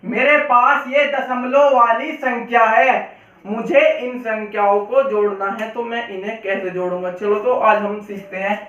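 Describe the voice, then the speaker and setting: A man's voice: sits high, steady tone, unhurried, sharp tone. A man teaching math to viewers, explaining patiently and repeating each step. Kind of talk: Hindi classroom-style lesson. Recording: echoey, distant, dull room sound.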